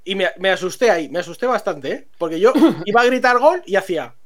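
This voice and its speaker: A man tells a story to friends on a stream. He is animated and laughs often as the tale unfolds. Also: high voice, fast.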